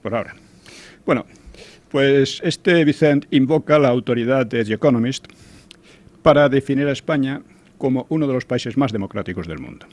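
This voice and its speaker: A man's voice: medium pitch, lively intonation, moderate pace, a little mellow. An older man giving conversational commentary as a regular guest, hesitant, with frequent restarts and tag questions.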